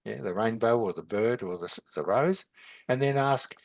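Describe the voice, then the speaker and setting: A man's voice: medium pitch, expressive, normal speed, no echo. A man, teaching in a podcast chat, rambling with many halts and restarts. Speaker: meditation and philosophy teacher.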